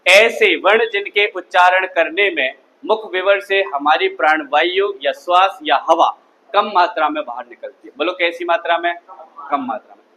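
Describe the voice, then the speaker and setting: A man's voice: high-pitched, pushed and bright, poor audio. A man teaching a Hindi grammar class, constantly quizzing his students with call-and-response questions. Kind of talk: classroom lecture.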